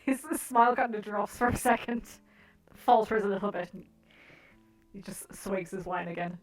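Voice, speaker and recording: Woman game master, mid-pitched, chatty narration over soft guitar. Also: moderate pace, distant mic, rough recording.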